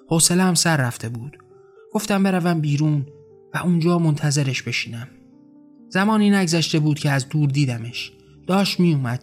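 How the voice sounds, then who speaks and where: Guy reading his audiobook story, calm and measured, slightly high voice, soft music behind. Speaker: author and narrator. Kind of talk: audiobook narration. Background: faint music.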